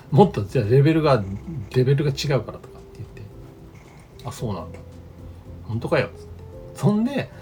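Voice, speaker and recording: Rambling, lively-voiced man in his fifties. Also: medium pitch. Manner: rambling, laughs often, self-deprecating asides. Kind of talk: casual solo chat.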